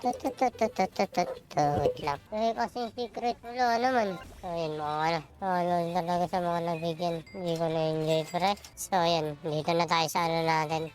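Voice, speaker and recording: A gamer chatting casually to followers while playing, with the voice run through a pitch-shifting voice changer. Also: fairly even intonation, normal speed, soft background music. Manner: chatty, keeps calling viewers "pre". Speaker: Roblox gamer addressing followers. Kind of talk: casual gameplay commentary.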